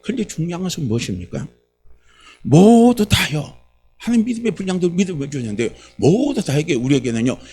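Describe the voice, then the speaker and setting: A man's voice: fairly high pitch, darkish tone, a little hiss or hum. A man preaching a sermon as pastor, fervent, repeating phrases and calling out questions to the congregation.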